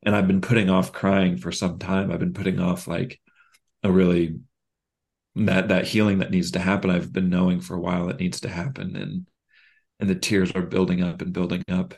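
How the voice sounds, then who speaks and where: Very low-voiced man talking haltingly. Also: little pitch movement, vocal fry, darkish tone. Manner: halting, frequent fillers and restarts; candid and reflective. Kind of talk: casual podcast conversation.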